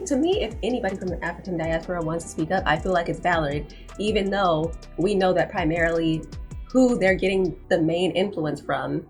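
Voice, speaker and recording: Emphatic young woman, lowish voice. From United States. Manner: emphatic, insistent, repeats herself for stress. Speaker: commentary channel host. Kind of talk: opinion commentary to camera.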